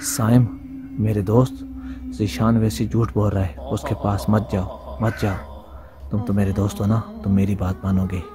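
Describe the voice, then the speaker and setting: A man's voice: on the low side, level tone, moderate pace, close to an everyday voice. A man playing a sly male devil who coaxes and pleads, repeating himself to tempt a boy. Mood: coaxing. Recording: noisy amateur recording.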